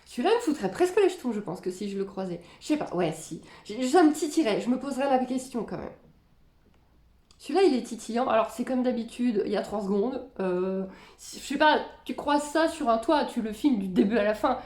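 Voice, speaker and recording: Woman vlogger, higher voice, casual musing reaction chat, roomy echo. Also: animated, fairly quick, a little mellow. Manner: musing, chatty, reads captions aloud then comments. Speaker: spiritual content creator reacting to videos.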